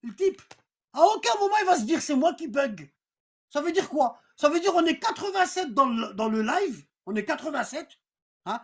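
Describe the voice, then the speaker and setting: High-pitched woman talking in French street slang. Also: animated, moderate pace. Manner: repeats phrases and checks understanding with rhetorical questions. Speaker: religious teacher on a livestream. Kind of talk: informal live religious lesson, explanatory.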